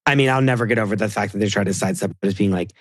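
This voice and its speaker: A man's voice: fairly low pitch, very fast, no echo. Chatty man gossiping, dry sound. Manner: rambling, heavy use of "like", acts out others' voices. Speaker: podcast co-host and TV producer, guest. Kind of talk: casual gossipy chat.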